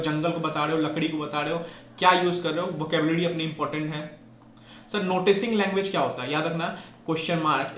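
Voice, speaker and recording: A man teaching an exam-prep lecture, mixing Hindi and English and asking and answering his own questions. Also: on the high side. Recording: echoey room with faint noise.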